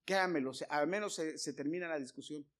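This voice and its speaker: A man preaching a sermon to his congregation, moving from loud, emphatic appeals to quiet, hushed storytelling. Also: on the high side, quick pace. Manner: addresses listeners as brothers.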